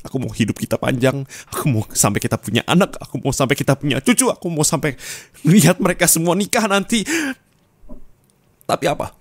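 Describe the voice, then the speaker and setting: A man's bitter scolding of his partner drives this ASMR roleplay, alternating between low mutters and raised, furious reproach. His pace is a little fast, and he's recorded on a close mic.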